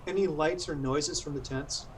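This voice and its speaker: A man's voice: fairly high pitch, moderate pace, a crowd in the background, poor audio. A man taking part in a tabletop game, casually asking questions and proposing moves in character.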